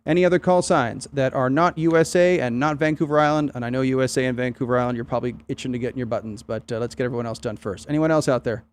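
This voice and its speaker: A man with a mid-pitched voice hosts an amateur radio net over clear background noise. He takes check-ins casually, reading out phonetic call signs. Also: quick pace, hardly any pauses.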